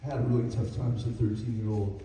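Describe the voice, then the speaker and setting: A man's voice: fairly low pitch, little pitch movement, fast, dark tone. A man in his forties giving a hesitant speech at a dedication, with a voice cracking from emotion and many fillers. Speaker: guest speaker at a dedication. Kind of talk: halting personal speech. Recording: echoey hall, mic far off, noisy.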